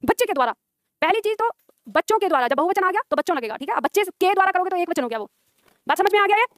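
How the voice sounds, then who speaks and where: A woman teaching a grammar class online, brisk and coaxing, quizzing her students and checking that they follow. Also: very high-pitched, animated, no room sound, studio quality.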